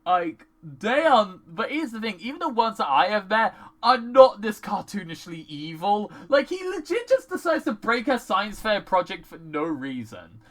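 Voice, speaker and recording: A reviewer talks through a horror film in a casual vlog, exasperated and swearing freely, with plenty of "like" fillers. The voice is bright and lively, and the pitch swings widely as the rant builds. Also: moderate pace, hardly any pauses. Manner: ranting, exasperated, swears often; many "like" fillers. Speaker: movie reviewer.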